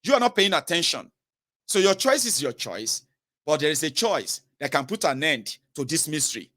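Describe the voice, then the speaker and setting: A Nigerian man in his late thirties speaks with a southern Nigerian accent, and his voice sits a little high for a man. He talks straight to the viewer in a political commentary, firing questions and dropping into pidgin now and then. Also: very animated, moderate pace, fairly bright tone. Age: 30s. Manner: emphatic, questions the viewer directly, mixes in pidgin. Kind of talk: direct-to-camera commentary.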